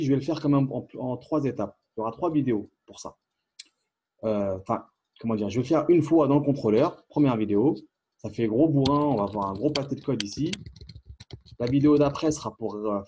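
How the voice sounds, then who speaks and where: A man giving a casual screencast programming lesson, thinking aloud with fillers and quick asides as he types. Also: medium pitch, mellow, husky. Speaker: programming instructor. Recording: faint keyboard clicks behind.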